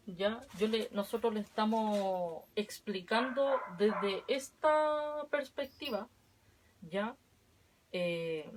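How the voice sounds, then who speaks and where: A woman teaches a language lesson at a very unhurried pace, patiently spelling out sounds and drilling syllables one by one. Her pitch sits in an ordinary middle range. A faint hiss of noise runs under her voice. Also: rough recording. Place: home.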